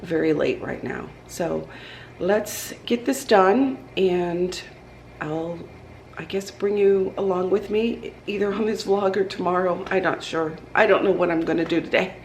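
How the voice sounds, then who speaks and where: This cooking vlogger has a lowish, darkish voice and speaks a little slowly, nasal with a cold as she bakes at home. She rambles chattily with plenty of ums and false starts. Her camera rests on the counter, picking up slight background noise.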